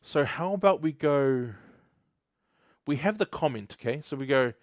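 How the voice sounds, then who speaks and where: On a relaxed livestream, a New Zealand man who's new to it codes live, chatting freely, laughing often and reading viewer messages aloud. His voice sits on the high side, expressive and at a moderate pace, in a dry, studio-quality recording.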